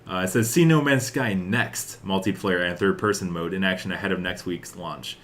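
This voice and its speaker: Casual video game news chat comes from a young male podcast host who rambles and leans on filler words, peppering in "like" and "uh." His voice is low-pitched and a bit bright at a moderate pace, with a little hiss or hum present.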